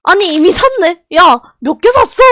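A woman streaming a game live, scolding and laughing at her viewers in a loud, shouty way. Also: very high voice, very animated, slow, no room sound, clean studio sound.

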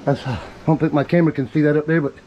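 A man vlogging from a lakeside while landing a big fish, talking excitedly to the camera. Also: a little high, racing, muffled recording, a little hiss or hum. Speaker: fishing vlogger. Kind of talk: casual on-camera narration. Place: lakeside outdoors.

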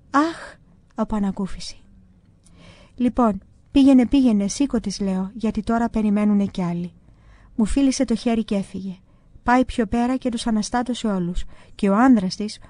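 A woman reads a religious book aloud in a calm, even first-person narration. Her voice is mellow and warm, sitting at a middle pitch. The recording is dry and close, with no room sound. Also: dry recording. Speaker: audiobook reader.

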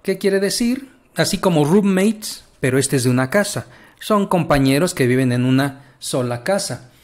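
A man's voice: fairly high pitch, animated, moderate pace. A man teaching a casual language lesson, chatty and encouraging, stretching out words as he explains.

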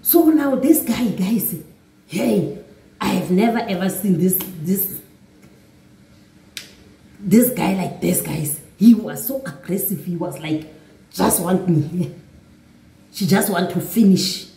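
Woman vlogger, slow and mellow delivery, storytime, recorded a bit far from the mic in an echoey room. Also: mid-range voice, animated, vocal fry, a little hiss or hum. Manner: chatty, repeats "guys" often. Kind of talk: storytime vlog.

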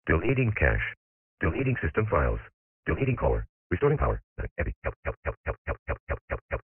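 A man voicing a malfunctioning robot sage whose speech glitches, stutters and breaks down, in a deep, gravelly, solemn monotone. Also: no echo, exaggerated voice. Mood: failing, pleading. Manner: slow solemn pronouncements, repeated words. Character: malfunctioning male robot sage, calm then failing. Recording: tinny phone-like dry sound.

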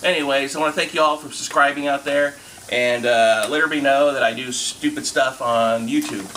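A man's voice: medium pitch, fairly even intonation, brisk. A middle-aged man hosting a casual food challenge vlog, talking to the camera outdoors in a backyard. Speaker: YouTube host. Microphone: camera at about arm's length to a few feet. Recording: noisy outdoor camera audio.

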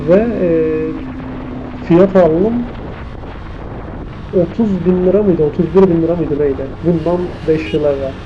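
A man's voice: on the high side, steady tone, measured pace, long pauses. Muffled man talking inside a helmet. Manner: thinking aloud, commenting on the traffic. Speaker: motorcycle vlogger. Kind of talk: casual chat while riding. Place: outdoors on a moving motorcycle, inside a helmet. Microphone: microphone inside the helmet. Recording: muffled helmet mic, loud wind and engine noise. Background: wind, engine and traffic noise.

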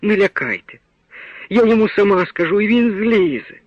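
A man's voice: mid-range voice, huge pitch swings, normal speed, vocal fry, breathy edge, no room sound, full character voice. A man voicing a frightened village mother who pleads and cries out, heard on a dull lo-fi old radio recording. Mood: defiant. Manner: pleading, crying out. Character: frantic village mother, shrill with fear.

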